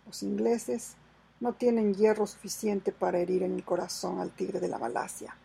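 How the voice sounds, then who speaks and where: A bold, defiant pirate captain from a storybook adventure, put on by a woman reading aloud. He speaks firmly and with command, and his voice is gravelly and husky. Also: mid-range voice, moderate pace, warm tone, heavily acted, rough recording. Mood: resolute.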